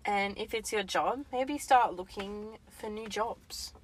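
A woman's voice: medium pitch, slow, a little hiss or hum, rough recording. A woman co-hosting a casual advice chat, talking informally with slang and swearing. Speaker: podcast co-host.

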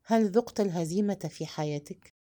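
A woman voicing a proud, bold yet tender young woman, speaking softly and intimately in a storybook reading. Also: lowish voice, brisk, lightly acted.

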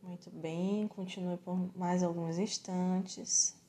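A woman with a Brazilian accent teaching yoga and relaxation in a calm, soothing, measured way with gentle pauses. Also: on the low side. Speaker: yoga instructor. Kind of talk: guided yoga and relaxation instruction.

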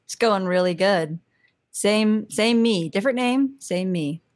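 A woman chatting casually as a podcast guest, relaxed and easygoing. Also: mid-range voice, measured pace, dry recording, clean studio sound.

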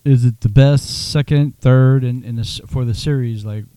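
A man's voice: medium pitch, moderate pace, warm tone, smooth, no room sound. A man co-hosting a podcast, talking bluntly and swearing freely while teasing his co-host. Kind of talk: casual chat.

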